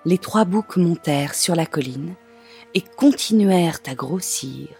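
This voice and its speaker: Slow male fairy-tale storyteller. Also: fairly high pitch, darkish tone. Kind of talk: scripted fairy-tale narration.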